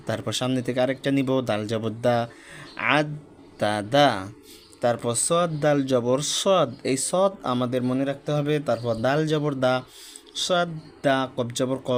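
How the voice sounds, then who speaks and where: Guy teaching quran reading, spells each letter out slow and patient, blends sounds, repeats a lot. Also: mid-range voice. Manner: spells out each letter and vowel mark, then blends the syllable; patient, step-by-step explaining. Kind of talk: slow, repetitive recitation drill.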